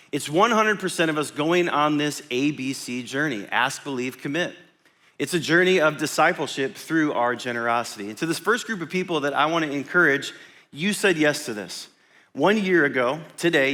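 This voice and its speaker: A man's voice: on the high side, bright, forceful tone. A man speaking as a pastor in a motivational pep talk to his congregation, emphatic and informal, repeating himself and asking rhetorical questions. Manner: informal, checks in with listeners. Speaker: pastor addressing his church.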